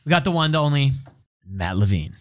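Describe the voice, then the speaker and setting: A man's voice: mid-range voice, sing-song, a little fast, no room sound. A man hosting a podcast in casual banter, brash and joking with his guests, swearing freely. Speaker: podcast host.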